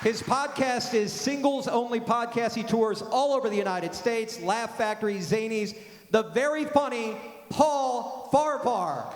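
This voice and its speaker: A man emceeing a live comedy benefit on a theater stage, hyping the crowd loudly and cheerfully. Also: extremely high pitch, a little slow. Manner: loud, upbeat crowd hype. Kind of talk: live stand-up emcee hosting. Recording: echoey theater hall, crowd noise.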